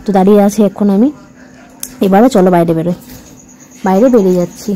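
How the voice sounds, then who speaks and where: A young woman from West Bengal talking softly in a bedroom as she vlogs to her viewers. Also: medium pitch, fast. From West Bengal, India. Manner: talking softly so as not to wake others. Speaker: vlogger. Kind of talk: casual vlog narration to camera. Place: bedroom indoors.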